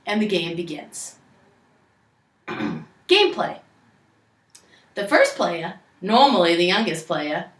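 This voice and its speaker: A woman's voice: medium pitch, pushed and bright, reverberant. A young woman with a Boston accent reads out instructions as if presenting to children, recorded in a living room on a distant camera mic. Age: young adult. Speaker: presenter of a game tutorial. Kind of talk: scripted instructional read-aloud in a storytelling manner. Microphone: camera a few metres away.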